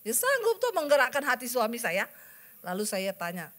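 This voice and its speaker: A middle-aged woman pastor preaching a sermon, telling stories lively, acting out the voices she quotes and putting rhetorical questions to the congregation. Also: fairly high pitch, normal speed.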